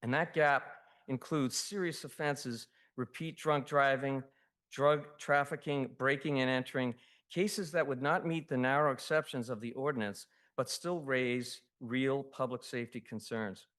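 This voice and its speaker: A man giving public comment at a city council meeting, reading a prepared statement in a steady, formal way. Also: medium pitch, a little slow.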